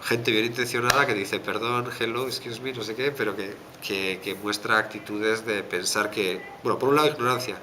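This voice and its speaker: Man, Basque Spanish accent, very low voice, hesitant interview answers, audible background noise. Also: moderate pace, few pauses. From Basque Country, Spain. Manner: thoughtful, hesitant, many fillers and restarts.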